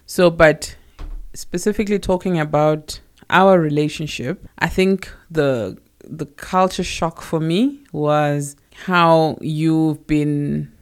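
A South African woman co-hosts a casual podcast, speaking slowly in a low voice. She comes across as chatty but hesitant, with many fillers and restarts.

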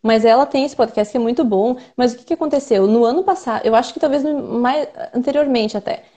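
A woman's voice: on the high side, fairly quick, mellow. A young adult woman with a Brazilian accent, a researcher and translator, explaining her work at length in a casual interview. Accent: Brazilian Portuguese. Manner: thoughtful, explains at length with many fillers.

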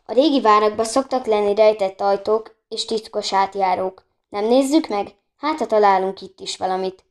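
A woman reading a children's book aloud, voicing the children a little higher and brighter, with occasional slips and restarts. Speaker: storybook reader.

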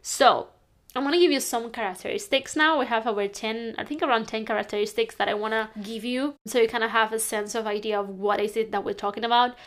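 A young lifestyle podcaster from northern Spain talks fast in a fairly high voice. Her casual monologue is earnest and a bit rambling, and she keeps correcting herself.

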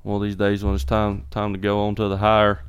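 A man's voice: fairly low pitch, completely flat delivery, quick pace, clear, resonant tone, no room sound. A young man co-hosting a casual podcast, joking and upbeat as he chats with friends and reads a verse aloud. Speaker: podcast co-host.

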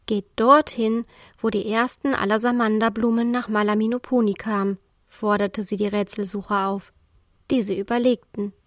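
Woman calmly reading a children's story. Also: mid-range voice, no echo, studio quality. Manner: calm, storytelling. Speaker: narrator.

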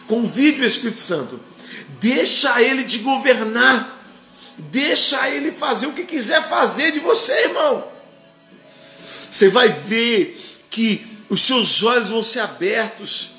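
A man's voice: very high-pitched, expressive, takes it slowly, bright, forceful tone, reverberant, faint music behind. A man with a Brazilian Portuguese accent preaching a fervent, emotional live-streamed sermon and greeting viewers by name.

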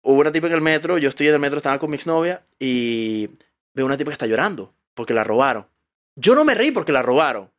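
A man with a Venezuelan accent, a guest comedian, telling stories in a casual podcast chat with quick shifts in pace. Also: medium pitch, very animated.

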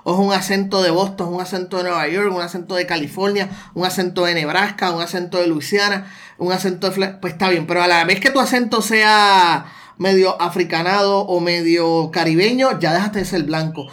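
A man's voice: sits high, steady tone, fairly bright tone. Brief: Puerto Rican male co-host, casual talk, stumbles and restarts as he thinks aloud. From Puerto Rico. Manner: halting, many restarts and repeated words. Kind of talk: casual discussion.

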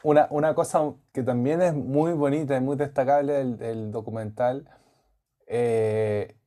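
A man's voice: medium pitch, steady tone, measured pace, mellow. A man co-hosting a podcast, talking about a documentary in a reflective way and searching for words as he goes. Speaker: podcast co-host. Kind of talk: casual film discussion.

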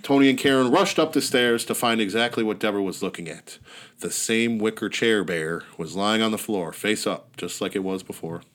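A podcast host whose voice is on the low side and a bit bright retells a story at normal speed. He keeps it wry and relaxed, swearing casually, and neighborhood sounds from outdoors can be heard in the background.

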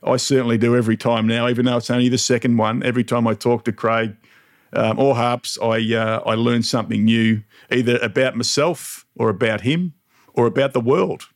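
A middle-aged man hosting a podcast, chatting in a relaxed, mate-to-mate way. His voice sits at an ordinary middle pitch, and the sound is dry and close to the mic. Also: brisk, no room sound. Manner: laid-back, chummy, with fillers and laughs. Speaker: podcast host. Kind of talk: casual podcast chat.

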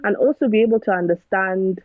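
This earnest woman has a mid-range voice and speaks fairly quickly, recorded dry with a narrow, tinny phone quality. She's a guest in a casual conversation, preachy in tone and fond of rhetorical questions.

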